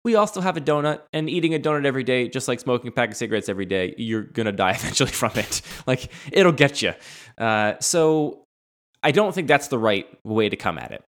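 A man's voice: mid-range voice, expressive, fairly quick. Laid-back man reasoning his point. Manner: reasoning, laughs often. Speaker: podcast co-host. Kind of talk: casual conversation.

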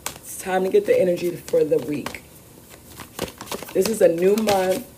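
A woman hosting a spiritual card reading, with a voice worn rough from a weekend of celebrating, speaking in an emphatic, affirming way and repeating her phrases. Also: on the low side, unhurried, background noise. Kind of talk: upbeat spiritual talk, weekly card reading.

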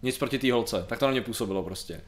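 A man co-hosting a casual chat show, sarcastic and joking, given to animated rants. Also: medium pitch. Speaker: podcast co-host.

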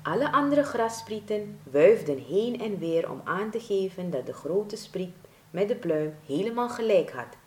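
A woman reading a children's story aloud in a gentle, measured way. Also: mid-range voice, big pitch swings. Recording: roomy echo.

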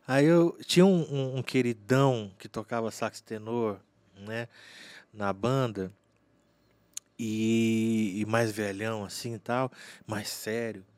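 Animated male storyteller, dry close sound. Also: on the low side, slow, dry recording. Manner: animated, acts out quoted voices in anecdotes. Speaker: guest saxophonist and teacher. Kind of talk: casual podcast storytelling.

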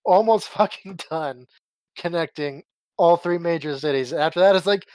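Laughing, animated man on a gaming podcast. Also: fairly high pitch, moderate pace, dry recording. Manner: animated, laughs often, swears. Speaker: podcast co-host. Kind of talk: casual game discussion.

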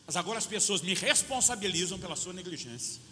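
A Brazilian man in his fifties preaches a sermon with a Brazilian Portuguese accent, his voice high and bright. He tells the story as a preacher does, acting out each side of a conversation and slowing down on the key words. The sound is a long, reverberant hall with a faint hiss behind it. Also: animated. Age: 50s. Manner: storytelling preacher acting out both sides of a dialogue. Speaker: pastor.

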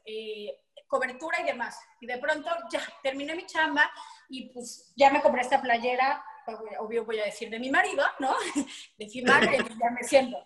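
A Mexican woman, a podcast guest, telling lively stories with frequent laughter. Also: sits high, reverberant. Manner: animated storytelling, laughing often. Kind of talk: casual chat.

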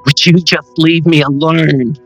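Husky, anxious man in love, played by an actor. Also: on the low side, normal speed, fairly bright tone, faint music behind, rough recording. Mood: strained. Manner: earnest, worried. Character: anxious grieving man, devoted and haunted. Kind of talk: audio drama acting.

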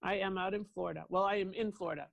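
A fast-talking woman with a creaky, mid-range voice and fairly even intonation comes through on a dry recording. She is from Toronto, Canada, speaks with a Canadian accent, and as a podcast guest who works as an international lawyer and mobility strategist, she explains her work confidently while addressing the listener directly.

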